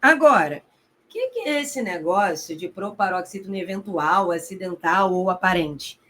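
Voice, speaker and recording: A woman Portuguese teacher giving a recorded exam-prep grammar lesson, speaking directly to the student, asking herself rhetorical questions and drawing out key terms slowly for emphasis. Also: on the low side, expressive, a bit bright.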